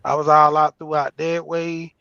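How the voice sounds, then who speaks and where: A man's voice: a little high, level tone, moderate pace, bright, forceful tone, smooth, no echo, lo-fi sound. A man with an Atlanta accent, chatting casually, hesitant and trailing off as he restarts sentences. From New Mexico. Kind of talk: casual podcast chat.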